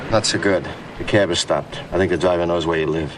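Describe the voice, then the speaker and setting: A man's voice: deep voice, steady tone, a little fast, background noise, natural voice. An actor playing a weary male burlesque comedian who talks in dry, self-mocking wisecracks, in 1950s film dialogue. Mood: wry. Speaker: burlesque comic. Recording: 1950s film soundtrack with music.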